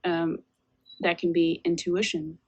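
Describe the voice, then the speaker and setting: Relaxed lower-voiced woman musing. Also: a little slow, husky, low-quality recording. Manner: reflective, meandering, slightly lisping from a retainer. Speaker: podcast co-host. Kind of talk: casual spiritual podcast chat.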